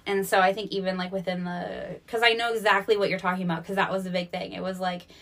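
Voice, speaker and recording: Chatty woman guest, mid pitch, storytelling and laughing a lot. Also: fast, gravelly. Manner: animated storytelling, laughs often. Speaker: podcast guest. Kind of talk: candid casual chat.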